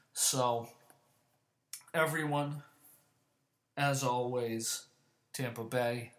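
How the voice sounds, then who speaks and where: A man hosting a solo podcast, swearing constantly in a casual ranting monologue that grows louder and higher when he is annoyed.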